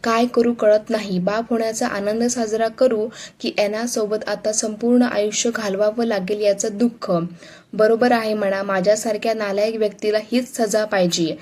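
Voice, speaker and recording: A woman's voice: mid-range voice, fairly even intonation, moderate pace, a little mellow, lightly acted. A woman voicing a young husband full of guilt and remorse, read plainly in a storybook manner. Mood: remorseful.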